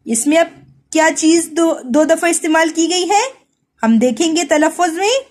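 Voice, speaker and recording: A woman's voice: extremely high pitch, moderate pace, a little mellow. A woman teacher giving a recorded religious lesson to young children, spelling out letters and sounds and checking with "theek hai". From Pakistan.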